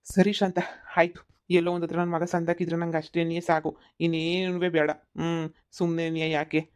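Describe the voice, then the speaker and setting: A woman voicing a calm, resigned middle-aged village husband in a cartoon, speaking slowly and soothingly. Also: lowish voice, clear, resonant tone, lightly acted. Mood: subdued.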